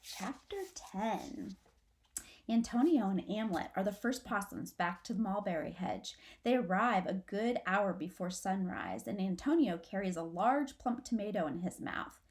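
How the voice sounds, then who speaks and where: A middle-aged woman in a small, furnished home room reads a storybook aloud to imagined young listeners, teacher-style and full of expression. She sounds unhurried, with a medium-pitched, darkish tone.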